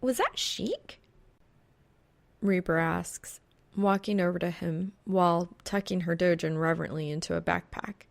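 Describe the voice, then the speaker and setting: A woman with a slightly low voice and a distinct creak reads a fan fiction audiobook from a script. She keeps a moderate pace and fairly even intonation.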